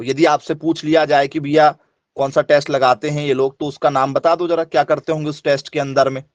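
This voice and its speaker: High-voiced coaching teacher, dry. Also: male voice, no room sound, muffled recording. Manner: asks questions and answers them himself, repeats key points. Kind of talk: online exam coaching lesson.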